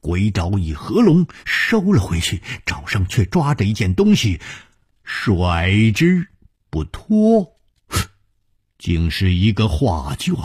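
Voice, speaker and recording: Male storyteller, husky and slow, animated delivery, dry close sound. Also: dry recording. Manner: dramatic, drawn-out delivery with sudden high exclamations. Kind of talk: traditional Chinese oral storytelling.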